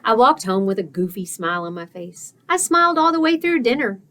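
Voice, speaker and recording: In a voice on the high side, a woman reads a picture book aloud the way a teacher would, narrating expressively with dramatic pauses and stretched-out key words.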